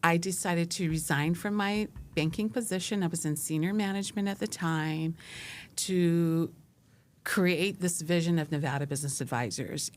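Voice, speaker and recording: A middle-aged woman from Hawaii, a business consultant talking in a steady, measured way as an interview guest. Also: low voice, slight background noise. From Hawaii, USA. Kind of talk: casual interview chat.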